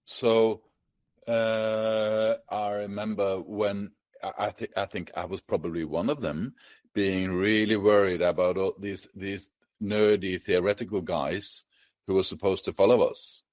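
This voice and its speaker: A man from Norway with a Norwegian accent, hosting an interview in halting English with frequent restarts. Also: on the low side, fairly even intonation, a little mellow, no echo. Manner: halting, restarts words often. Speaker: host, interviewer. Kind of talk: conversational interview.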